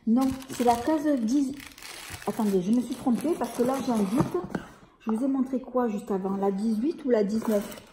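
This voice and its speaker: A woman with a fairly high but mellow voice chats through a beauty unboxing. She hesitates often, trailing on fillers and starting phrases over. The room around her is echoey. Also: normal speed, a little hiss or hum. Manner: hesitant, many fillers and restarts. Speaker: beauty vlogger. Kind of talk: casual product unboxing.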